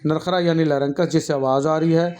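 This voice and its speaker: With a fairly even intonation and a slightly fast pace, this man's high-leaning, slightly mellow voice delivers a patient anatomy lecture. As a nursing and health teacher, he guides students through diagrams, calls them "beta" often, and uses frequent fillers and self-corrections.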